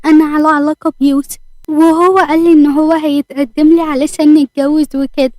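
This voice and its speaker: A woman's voice: high-pitched, little pitch movement, brisk, darkish tone, dry recording, pitched above the performer's own voice, close to an everyday voice. A woman voicing a frightened, guilty young female shop worker who cries and pleads, with an Egyptian accent. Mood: tearful. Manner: pleading, apologetic. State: crying.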